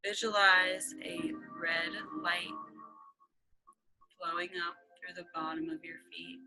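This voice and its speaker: A woman leading a guided meditation slowly and soothingly, in a soft, breathy near-whisper right by the ear. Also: lowish voice, fairly even intonation, rough recording. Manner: slow, soothing, with long pauses. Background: relaxation music.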